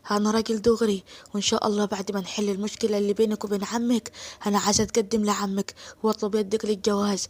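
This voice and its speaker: A woman voicing a wealthy Egyptian gentleman, earnest and heartfelt, in her own natural voice with an Egyptian accent. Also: high voice.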